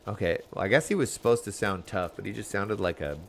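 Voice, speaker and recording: A man's voice: on the low side, lively intonation, fast, gravelly, a bit bright, a little hiss or hum. A man giving casual live commentary as a game streamer, chatty and wry.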